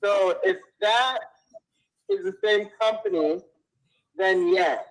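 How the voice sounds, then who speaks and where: A man's voice: high voice, lively intonation, poor audio. Man calling in on speakerphone. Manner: soft-spoken, hesitant, halting answers. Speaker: caller on a live show.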